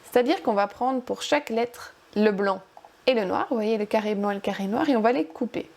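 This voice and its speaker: A woman's voice: a little high, a little fast, gravelly, darkish tone. A woman hosting a casual crafting tutorial, chatty and upbeat as she guides viewers step by step. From France.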